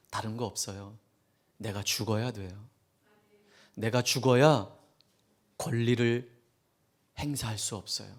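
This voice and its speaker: A male pastor preaching a sermon in a church, telling exaggerated humorous stories in an animated way. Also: mid-range voice. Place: church sanctuary.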